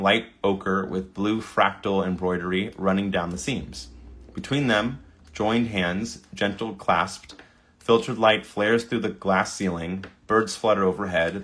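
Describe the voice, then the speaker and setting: In this casual screen-recording commentary, a male video creator reads AI video prompts aloud, now and then tripping over words and responding delightedly. His voice is low-pitched and a bit bright, and he keeps a measured pace.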